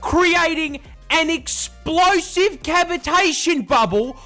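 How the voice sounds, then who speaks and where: A man's voice: very high voice, slow pace, sharp tone, soft background music. A man delivering scripted comedic nature narration in an exaggerated, sweary style. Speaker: video narrator.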